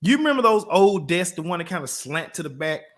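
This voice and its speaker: Man, high bright voice, motivational co-host, lively storytelling. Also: a little fast. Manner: storytelling with lively acted-out quotes. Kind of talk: motivational talk show chat.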